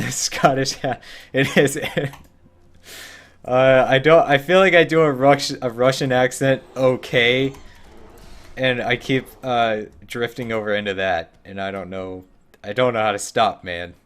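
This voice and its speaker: A man's voice: medium pitch, fairly even intonation, measured pace, fairly bright tone. A man streaming a game, chatting casually about it and reading chat, rambling and self-mocking. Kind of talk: casual gameplay commentary.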